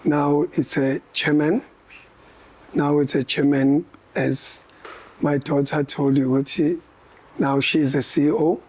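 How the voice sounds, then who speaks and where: An older South African man, founder and chairman of a company, speaking in a slow, halting way. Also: a little high, flat delivery, a little mellow. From Umlazi, South Africa.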